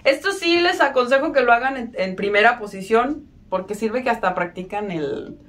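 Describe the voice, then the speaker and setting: A woman's voice: fairly high pitch, animated, normal speed, loud music behind the voice. Chatty woman teaching violin. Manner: friendly, chatty, counts beats aloud and laughs at herself. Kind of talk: casual video lesson.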